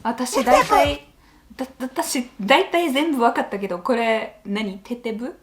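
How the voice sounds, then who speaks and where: A woman's voice: sits high, expressive, unhurried, very noisy. A woman with a lilt chatting casually as she reacts to video clips, thinking aloud with many fillers.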